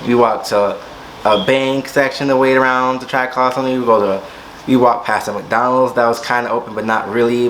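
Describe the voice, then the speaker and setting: A young man telling a storytime vlog story, dramatic, acting out quotes and jumping into sudden high squeals. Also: a bit bright, slight background noise, rough recording. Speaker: vlogger.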